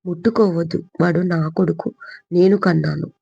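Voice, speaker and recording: Woman reading a worried young mom, kinda gravelly and husky, dull lo-fi sound. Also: on the low side, steady tone, moderate pace, mellow, dry recording. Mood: angry. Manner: anxious, defensive. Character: young mother, anxious and protective. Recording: dull lo-fi recording.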